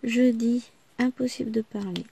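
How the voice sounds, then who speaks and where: Lady vlogging, chatty and rambly, gravelly voice that still cracks a bit. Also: on the high side, moderate pace, mellow, a little hiss or hum. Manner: rambling, chatty, many small asides. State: voice still breaking after losing it. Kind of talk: casual chat to viewers.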